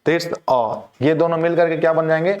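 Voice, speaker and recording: A man's voice: a little high, steady tone, moderate pace, darkish tone, lo-fi sound. A male teacher giving a classroom lecture on English pronunciation. He keeps asking the class questions and then answering them himself.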